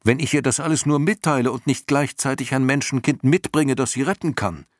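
A man's voice: medium pitch, big pitch swings, normal speed, a little mellow, dry recording, pitched above the performer's own voice. A man voicing an earnest young boy hero in an audiobook, speaking urgently and questioningly.

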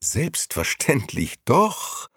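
A man doing an icy, scheming gentleman. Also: on the low side, very animated, dry recording, clean studio sound, pitched above the performer's own voice, full character voice. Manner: slow, smooth, icy persuasion. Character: cold scheming grey gentleman, adult male.

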